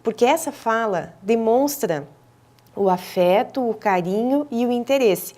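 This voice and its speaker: Higher-voiced Brazilian woman explaining patiently. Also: expressive, a little slow, dark tone. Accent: Brazilian Portuguese. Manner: didactic, with frequent hesitant fillers and restarts. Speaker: speech therapist and professor, interview guest. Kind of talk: explanatory interview answers. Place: television studio.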